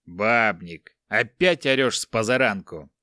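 A man voicing a gruff giant barbarian who drawls slow, loud and folksy mockery in an audiobook. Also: fairly low pitch, expressive, no room sound, studio quality. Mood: sleepy grumbling.

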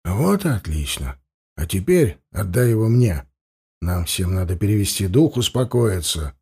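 A man doing a low-voiced cautious priest. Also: sing-song, moderate pace, vocal fry, a little mellow, husky, full character voice. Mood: weary.

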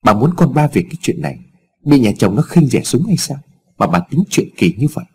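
A man's voice: mid-range voice, very animated, a little fast, darkish tone, slightly rough. A man voicing a stern furious old father. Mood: harsh.

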